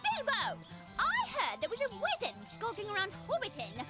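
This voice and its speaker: A woman's voice: extremely high pitch, huge pitch swings, moderate pace, full character voice. A woman voicing a fretful, suspicious hobbit gossip in a hammy, theatrical stage style for a video game. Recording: game audio under loud music.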